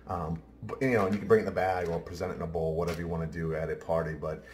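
Talking while he works, a new man hosts an off-the-cuff home cooking show in a large indoor kitchen, chatty and offhand in a low, darkish voice. He speaks rapid-fire with little pitch movement. He is recorded from a distance on a camera mic that later comes close, in roomy kitchen acoustics that sound far off.

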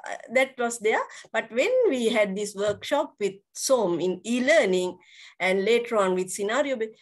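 A woman's voice: on the high side, normal speed. A middle-aged woman from Sri Lanka, a guest on a video-call interview, hesitant, with many fillers and restarts. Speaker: guest educator. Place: indoors, virtual background.

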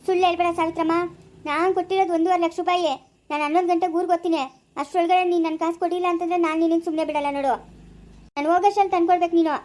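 A woman's voice: extremely high pitch, steady tone, rapid-fire, darkish tone. Woman playing an angry young villager. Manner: harsh, threatening. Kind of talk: amateur family drama.

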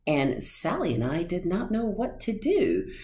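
A young adult woman storyteller giving an expressive storybook read-aloud. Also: on the low side, unhurried, echoey room. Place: small room indoors.

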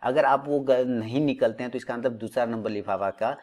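A man's voice: medium pitch, brisk, a little mellow. A man teaching stock trading in a lecturing monologue, scolding and repeating phrases for emphasis. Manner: scolding, full of rhetorical questions.

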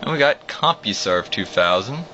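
The voice is a young man's, fairly low-pitched, sing-song and sharp in tone, moving at normal speed. He rambles through an improvised demo of an old computer, explaining his clicks from his desk at home. It was filmed with a phone pointed at the screen, so the sound is dull and lo-fi with a hum.

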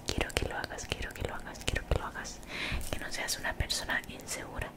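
A young woman gives soothing, motivational ASMR in a breathy whisper very close to the mic, gently repeating phrases. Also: quick pace. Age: young adult. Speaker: ASMR creator. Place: small bedroom, indoors. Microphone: desktop condenser mic, very close.

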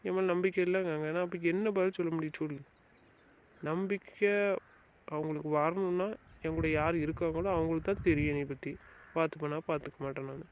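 Man acting as a pleading husband, high voice, muffled lo-fi sound. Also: fairly even intonation, fairly quick, a little hiss or hum, close to an everyday voice. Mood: advising. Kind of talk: amateur web drama acting. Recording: muffled low-fidelity recording.

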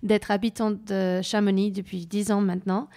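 New Zealand woman, radio host, mellow warm voice, French with her native accent. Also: medium pitch, level tone, moderate pace. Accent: New Zealand, speaking French. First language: English. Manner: searching for words, mixing in English. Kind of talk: radio interview.

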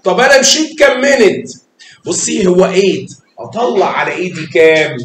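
A man with an Egyptian Arabic accent teaching a class of young children, patient and affectionate, coaxing them along with pet names. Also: moderate pace. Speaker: math teacher. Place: echoey classroom. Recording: echoey classroom with faint rumble.

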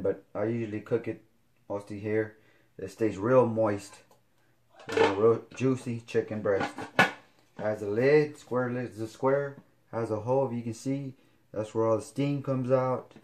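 A fitness vlogger in his forties, with a fairly low, mellow voice, gives a casual product demo of his kitchen gear. His speech is loose and halting, full of fillers and restarts, recorded by a camera sitting on the counter of his home kitchen.

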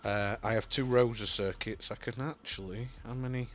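A young Yorkshire-accented gaming YouTuber rambles through casual commentary on a building game, thinking aloud with plenty of ums and apologies. His mid-range voice is a bit bright, with fairly even intonation and a moderate pace, and a little hiss or hum sits underneath.

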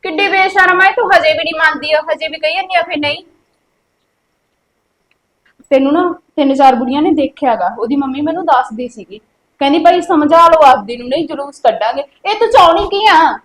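A woman's voice: sits high, animated, fairly quick, a bit bright. An actress playing a stern sister-in-law who scolds her young relative, speaking with a Punjabi accent. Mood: scolding. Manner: reproachful, scolding. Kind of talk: village web-series drama.

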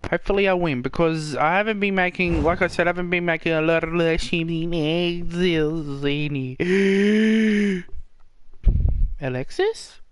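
A man streaming a game live, chatting to viewers in a rambling, drawn-out way. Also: fairly high pitch, steady tone, fairly bright tone, slight background noise. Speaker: gaming streamer. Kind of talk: casual gameplay commentary.

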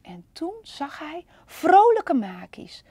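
A woman with a Dutch accent reading a children's picture book aloud slowly, with a playful, lively storytelling manner. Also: high voice, no echo. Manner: slow, lively storytelling with a wide, playful melody.

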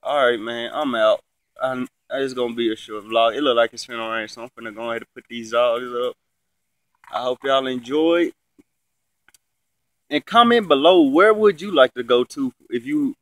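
A young man talks into his phone outdoors with a stuffy nose, sounding a bit sick. His pitch is average for a man. He rambles casually in slang and swears freely, in a laid-back vlog style. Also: steady tone, moderate pace, fairly bright tone, no room sound. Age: young adult. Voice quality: stuffy-nosed, congested sound. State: sick with the sniffles. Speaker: vlogger. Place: outdoors in a yard, reclining in a chair. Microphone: phone at arm's length.

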